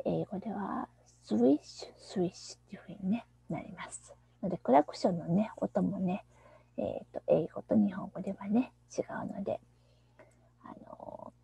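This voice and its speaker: Soft-spoken gravelly woman teaching a song. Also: medium pitch, no echo. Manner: soft, often whispered explanations; slow, deliberate English reading. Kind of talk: screen-shared lesson on a children's song.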